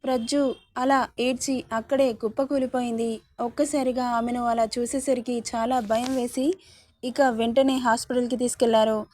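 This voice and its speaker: A woman who hosts her own channel and narrates a serial story with calm, steady storytelling. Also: on the high side, moderate pace, no echo.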